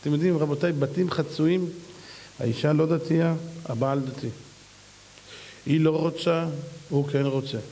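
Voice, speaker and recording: A man's voice: steady tone, creaky, pauses often, warm tone. A man preaching as a rabbi, emphatic and full of rhetorical questions. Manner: emphatic, mimics others in high voices, rhetorical questions. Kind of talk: sermon. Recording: long hall reverb.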